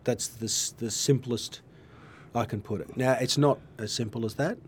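An Australian man, an advertising creative director, answering interview questions in a relaxed, dryly humorous way. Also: medium pitch, moderate pace, slight background noise. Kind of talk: casual interview chat.

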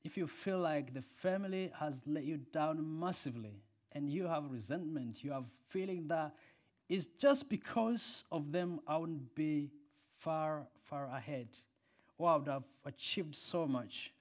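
This man's voice is a little high and his pace measured as he preaches and leads a prayer. A native Swahili speaker, he shifts from loud emphatic moments to soft quiet ones.

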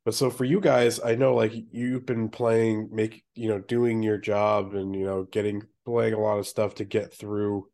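A man with a nasal, congested voice, sick and low on energy, hosting a casual podcast with some easy swearing. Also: little pitch movement, measured pace, vocal fry, few pauses, a little mellow. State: sick with stuffy nose. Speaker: podcast host.

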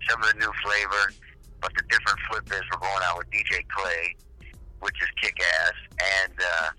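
A man's voice: deep voice, sharp tone, dry recording. A man on a phone line, a band's singer, chatting loosely as a guest, joking around and swearing a lot. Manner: laid-back, joking, heavy profanity. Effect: over the phone. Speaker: band singer, interview guest. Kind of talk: casual chat interview.

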